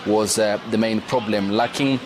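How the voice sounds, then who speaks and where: Casting: Kenyan man as live TV news anchor, formal and measured, little pitch movement, noisy urban backdrop. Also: steady tone. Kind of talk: live broadcast news commentary.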